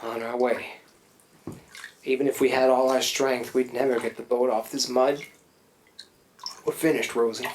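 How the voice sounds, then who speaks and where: An actor playing a rough, weary, affectionate riverboat man in a live radio play, with a folksy, emphatic way of talking. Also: mid-range voice, flat delivery, normal speed, pauses often, lightly acted. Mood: feverish, resigned. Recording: echoey live stage, clear background noise.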